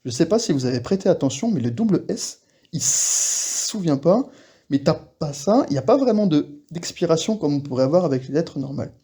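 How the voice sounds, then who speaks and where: Male teacher, casual online lesson, slightly raised pitch, husky and mellow voice, patient explanations. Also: expressive, fast, few pauses. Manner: explains patiently, acts out short example phrases. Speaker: Korean language teacher.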